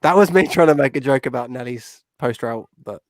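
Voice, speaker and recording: A British man co-hosting a live sports chat show, tossing out quick jokey asides. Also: medium pitch, no room sound. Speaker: podcast co-host. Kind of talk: casual live-stream chat.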